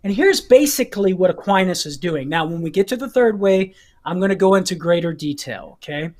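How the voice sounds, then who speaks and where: A man teaching philosophy in a measured way, repeating phrases and checking in with his listeners, with an occasional cough. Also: sits high, lively intonation, a little mellow. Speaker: guest teacher. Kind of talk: explaining philosophy to hosts.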